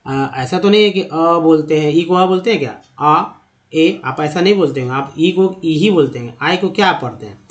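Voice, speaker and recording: A man teaching a lesson over slides, asking his own questions and answering them, and repeating words slowly to show how they sound. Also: fairly high pitch, dull audio.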